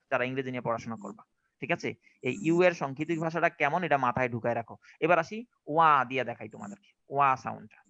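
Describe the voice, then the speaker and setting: A man's voice: mid-range voice, a bit bright, highs cut off. A man with a Bangladeshi Bengali accent teaching English pronunciation to a class, often asking whether they follow. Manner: questioning, checks understanding often. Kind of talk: online classroom lesson.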